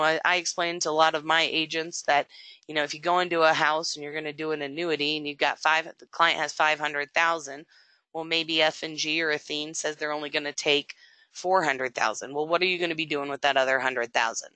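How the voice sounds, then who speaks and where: An insurance agency support representative giving a conversational, upbeat training webinar, often pausing with "um". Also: mid-range voice, flat delivery, sharp tone, no echo. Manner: conversational, frequent "um" fillers; upbeat promotional tone.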